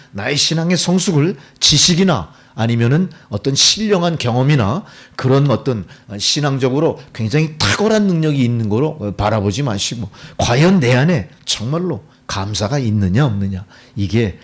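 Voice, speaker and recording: A middle-aged male pastor preaching a sermon, often putting questions to the congregation. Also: medium pitch.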